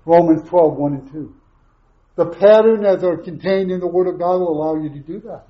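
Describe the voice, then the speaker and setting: High-pitched preacher speaking through a face mask. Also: male voice, moderate pace. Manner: emphatic, repetitive rhetorical questions and answers. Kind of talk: sermon. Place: echoey room, preaching to a congregation. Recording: roomy echo, slightly muffled sound.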